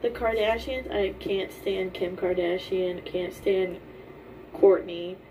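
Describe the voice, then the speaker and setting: A young woman with a mellow, dark-toned voice chats casually as a podcast co-host. She sounds informal and matter-of-fact. She sits back from the mic, with faint noise around her. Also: mid-range voice, steady tone, slow pace, far from the mic, poor audio. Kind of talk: casual chat.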